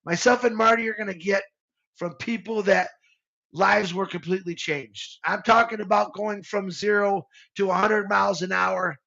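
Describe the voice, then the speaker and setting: Co-hosting a live stream, this man in his fifties rambles warmly and keeps restarting his thoughts in casual talk. The audio is dull, and his high voice comes across creaky, bright, and forceful.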